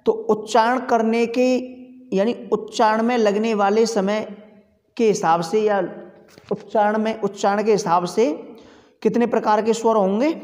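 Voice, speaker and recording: A teacher working through a Sanskrit grammar lesson at a slow, patient pace, asking the class questions and then answering them. Sounds get drawn out to demonstrate them. The voice rings with a long reverb, as if recorded in a large echoing room. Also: mid-range voice, darkish tone.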